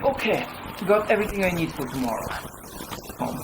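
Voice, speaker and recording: A man's voice: high voice, big pitch swings, a little fast, loud music behind the voice, rough recording. A man chatting casually as he narrates his vlog. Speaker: vlogger.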